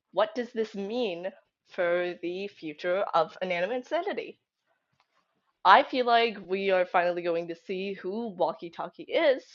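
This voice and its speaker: Her mid-range voice has a fairly bright tone as this young woman, a fan theory video creator, shares casual commentary. She's emphatic and conversational, thinking out loud, on a slightly dull lo-fi home recording.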